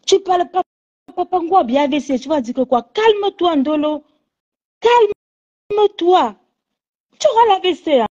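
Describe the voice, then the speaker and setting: A woman's voice: sits high, lively intonation, fast talker, darkish tone. A woman calling into a live stream, insistently soothing and scolding. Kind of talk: pleading phone call into a live stream. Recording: dull lo-fi phone audio.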